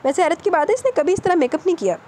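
A woman's voice: extremely high pitch, expressive, racing, darkish tone, a little hiss or hum, pitched above the performer's own voice. A woman voicing a sarcastic young man who teases his family in a mock-serious tone. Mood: teasing.

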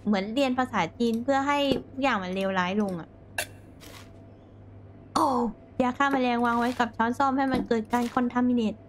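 A woman's voice: a little high, fairly quick, a little hiss or hum. A woman streamer chatting casually and rambling to her viewers while she plays a game. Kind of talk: casual gameplay commentary.

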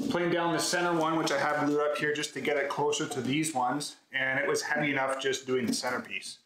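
In an echoey indoor garage workshop with a concrete floor and faint background noise, a woodworking video host in his thirties explains a hands-on build to camera. His mid-range voice has a fairly bright tone and a casual, matter-of-fact delivery, picked up by a camera mic a few metres away.

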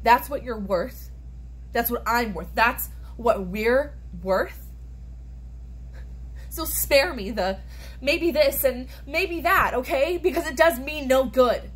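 A woman's voice: a little high, takes it slowly, husky, exaggerated voice. A young woman playing a bitter, grieving young woman in a sorrowful, anguished dramatic stage monologue. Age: young adult. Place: small bright room indoors. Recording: noisy room phone recording.

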